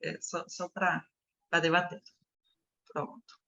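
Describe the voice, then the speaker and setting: Over muffled video call audio, a meeting participant, a woman in her fifties from Argentina, thoughtfully comments in an online discussion, groping for her words. Her fairly low voice is level, slow, creaky and sharp in tone.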